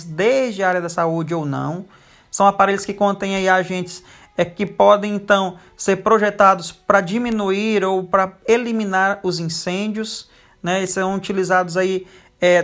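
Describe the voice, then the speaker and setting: Teacher doing a slide lecture, keeps going "é, né", mid pitch. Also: a bit bright. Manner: frequent hesitation fillers. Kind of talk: recorded lecture over slides.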